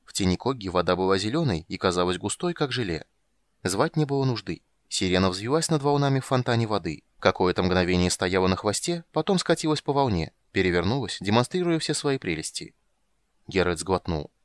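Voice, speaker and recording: A man narrating an audiobook in an even, measured way, dry close recording. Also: deep voice, dry recording.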